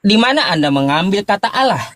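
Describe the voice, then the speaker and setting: High-pitched man lecturing mockingly. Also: very animated, fast, fairly bright tone, no echo. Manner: mocking, lecturing, stammering restarts. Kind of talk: heated debate.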